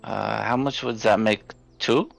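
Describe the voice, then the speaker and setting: A man with a fairly low voice speaks in character at a tabletop game, answering in a dry, matter-of-fact way. Music runs quietly behind him. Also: measured pace, creaky, rough recording. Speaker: player. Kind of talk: casual in-character tabletop play.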